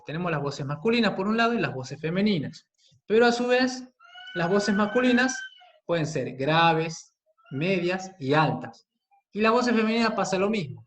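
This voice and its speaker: A man teaching a class on radio production, speaking slowly and deliberately and often checking in with his listeners. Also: on the high side, slight background noise. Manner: patient, with frequent "¿sí?" and "¿bien?" checks; slow and deliberate on key words, with some fillers.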